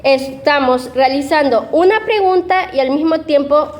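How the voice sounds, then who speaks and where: High-voiced young woman presenting a lesson. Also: a little slow. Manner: explanatory, with fillers and self-corrections. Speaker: student presenter. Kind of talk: class presentation.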